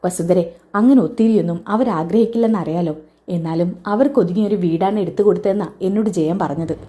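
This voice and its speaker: A woman voicing a gentle, reassuring elderly grandfather in a spoken serial recap. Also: on the low side, brisk, slightly rough. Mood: kind.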